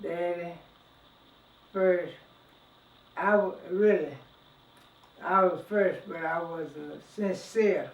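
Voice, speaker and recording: Slow, halting 90-year-old woman, echoey. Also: fairly low pitch. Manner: halting, repeats words as she goes. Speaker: interviewee. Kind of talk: reminiscing in a family interview. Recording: echoey room, distant muffled mic.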